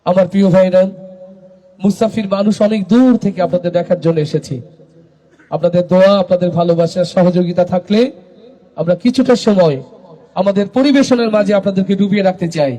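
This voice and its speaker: A man with a high voice addresses a large religious gathering through a stage microphone. He leads call-and-response, pushes the crowd to answer louder, and climbs into shouted chants. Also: fairly quick. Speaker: gazal singer leading a religious gathering. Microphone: stage microphone through a public address system.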